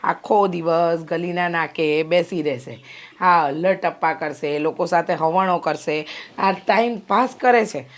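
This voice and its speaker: A woman's voice: fairly low pitch, measured pace, close to an everyday voice. A middle-aged woman playing a worried mother who scolds and fusses over her daughter in a short film drama. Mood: complaining. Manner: fretful, nagging, complaining.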